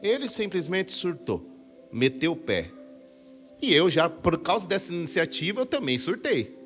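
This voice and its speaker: Middle-aged Brazilian pastor, bright lively sermon delivery with soft music underneath. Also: male voice, fairly high pitch, normal speed. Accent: Brazilian Portuguese. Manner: animated preacher, jokes with the crowd, shouts for emphasis. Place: church sanctuary.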